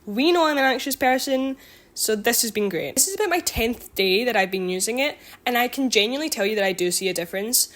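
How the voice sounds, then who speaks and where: A woman's voice: fairly high pitch, animated, fast, a bit bright. A twenty-year-old woman chatting casually to her viewers, rambling with lots of ums and likes and correcting herself as she goes. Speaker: vlogger and student. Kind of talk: casual chatty catch-up vlog.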